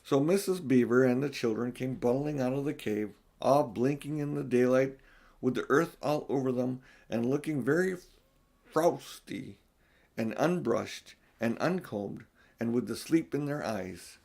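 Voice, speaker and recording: An older man reads a children's story aloud as an audiobook narrator, telling it expressively. His voice sits in a middle range with a creaky, darkish tone, and his pace is unhurried.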